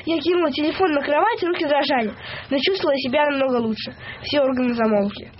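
High-voiced woman reading stories. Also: fast talker, lo-fi sound, slight background noise. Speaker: story reader on a radio show. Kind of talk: reading short stories aloud. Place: radio studio.

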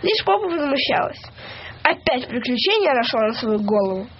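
High-voiced woman reading stories. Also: sing-song, normal speed, lo-fi sound, a little hiss or hum. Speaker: story reader on a radio show. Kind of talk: reading short stories aloud. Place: radio studio.

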